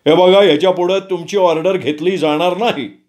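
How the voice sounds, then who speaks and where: A man's voice: high voice, brisk, darkish tone, voice pushed up, close to an everyday voice. A man voicing a flustered middle-aged hotel manager, exasperated and pleading.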